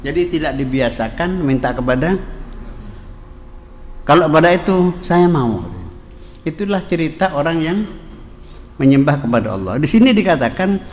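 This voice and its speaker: Preacher with a reverberant hall sound. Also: male voice, a little high, big pitch swings, moderate pace, pauses often, darkish tone. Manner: storytelling, repeats phrases, quotes Arabic. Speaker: Islamic preacher. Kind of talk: sermon on a classical text. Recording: reverberant hall, faint background noise.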